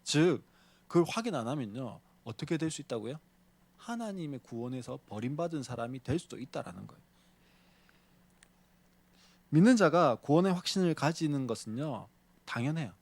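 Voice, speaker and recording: Male pastor, sermon delivery; pitch sits a touch high, swings widely, close and dry sound. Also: moderate pace, pauses often, no room sound. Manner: lively preaching, often poses questions to the congregation; tells a story to illustrate his point.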